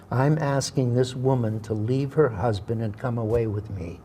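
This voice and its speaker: A man's voice: mid-range voice, mellow, slight background noise. An older man, a veteran actor, tells stories from his career in an interview, with hesitant fillers and restarts. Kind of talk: anecdotal interview storytelling.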